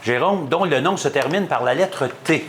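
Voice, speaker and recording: A man with a Québécois accent hosting a school quiz game, reading questions and ruling on answers at a quick clip. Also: fairly high pitch, lively intonation, noisy background. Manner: brisk, quick-paced quizmaster, reads questions and rules on answers. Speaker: quiz show host.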